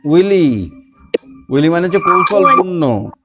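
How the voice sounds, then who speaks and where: A man teaching an online class, reading sentences out deliberately and explaining them patiently. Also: on the high side, lively intonation, over loud music. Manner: patient, repeats words and checks that students can hear. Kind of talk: online class revision lesson. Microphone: online class call.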